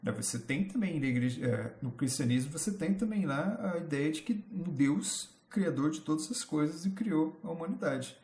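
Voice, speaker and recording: A man with a Brazilian Portuguese accent teaching a casual history lesson, chatty and full of rhetorical questions, pausing to admire his slides. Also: on the high side, animated, a little mellow. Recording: roomy echo.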